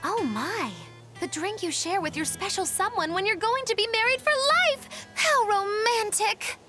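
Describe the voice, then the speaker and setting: A woman's voice: extremely high pitch, expressive, a little slow. A woman voicing a teasing, chirpy little witch girl in an anime video game, with a theatrical, singsong delivery. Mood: gushing. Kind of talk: English-dubbed anime game acting. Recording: game music behind.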